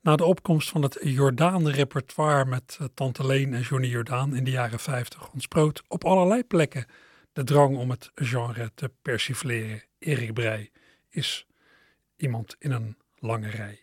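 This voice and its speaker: A man's voice: medium pitch, unhurried, breathy edge, no echo, clean studio sound. A man introducing a song in a matter-of-fact radio style. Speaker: radio presenter. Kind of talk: calm radio announcement.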